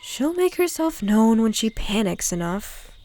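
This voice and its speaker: A woman's voice: on the high side, big pitch swings, measured pace, warm tone. A woman playing a protective guide in an audio drama, sensible and dryly exasperated, teasing as she encourages. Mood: wry.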